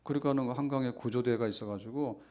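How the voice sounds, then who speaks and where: Man, pastor, early-morning sermon, emphatic, mid pitch, mellow tone, acts out prayers. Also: quick pace. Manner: emphatic preaching, calls for amen, acts out quoted prayers.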